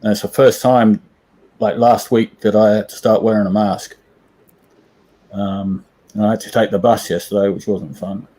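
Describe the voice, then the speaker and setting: A man's voice: on the low side, fairly even intonation, normal speed, pauses often, dark tone, poor audio. A man chatting casually as a guest on a video call, laid-back and rambling. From Australia. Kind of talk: casual chat.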